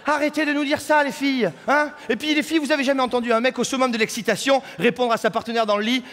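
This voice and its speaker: A man's voice: very high voice, fairly even intonation, fast talker, a bit bright. A young man doing a rowdy, crude stand-up comedy set and bantering with the crowd in a large hall. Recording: live hall reverb with faint crowd ambience.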